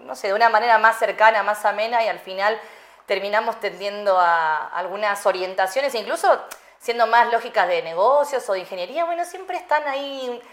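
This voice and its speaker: A woman's voice: medium pitch, fairly quick. A woman answering interview questions, explaining step by step and thinking aloud with examples. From Argentina. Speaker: guest, UX designer. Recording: echoey room.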